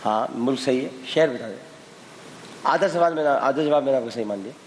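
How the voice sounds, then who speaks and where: A quiz show host in a TV studio teases live contestants and presses them for answers, impatiently needling and repeating his commands. His mid-range voice is brisk, and the recording has long studio reverb and faint hiss.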